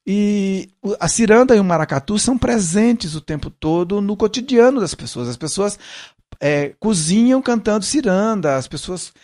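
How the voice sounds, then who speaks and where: A man with a blended accent from Ceará, Pernambuco and São Paulo chats about his music. His voice sits a little higher than most men's, and he often stops mid-thought to reach for the right word. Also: lively intonation, a little mellow. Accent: Brazilian Portuguese, mixing Ceará, Pernambuco and São Paulo accents. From Ceará, Brazil. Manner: reflective, searching for words with frequent pauses. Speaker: musician guest. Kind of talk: casual interview chat.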